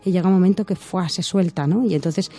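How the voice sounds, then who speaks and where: Lively novelist woman, dark voice. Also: lowish voice, fairly quick. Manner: animated, retells scenes, repeats words, tag questions. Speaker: novelist talking about her book. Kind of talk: casual interview.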